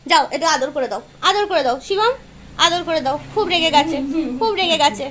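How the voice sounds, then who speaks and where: Very high-voiced woman coaxing her dog. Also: expressive, fairly quick, fairly bright tone. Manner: coaxing, teasing, talks to the dog like a child. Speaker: dog owner filming her pet. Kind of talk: casual chat to her dog. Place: family home indoors.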